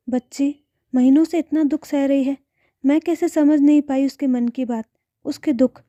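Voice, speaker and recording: A woman narrating an emotional family story and voicing all the parts herself, with a soft, dramatic delivery. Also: sits high, dry recording. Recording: dull lo-fi dry recording.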